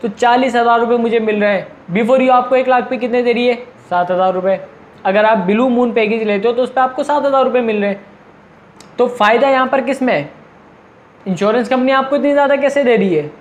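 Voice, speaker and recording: A man's voice: very high-pitched, fast talker, lo-fi sound. A man with a Pakistani Urdu accent arguing a point in a casual video monologue, asking questions and answering them himself. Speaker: video commentator. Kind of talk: argumentative monologue.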